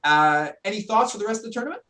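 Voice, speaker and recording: A man's voice: high voice, lively intonation, very fast, bright, forceful tone. A man hosting a casual online interview, chatty and jokey, often restarting his sentences. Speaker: interview host.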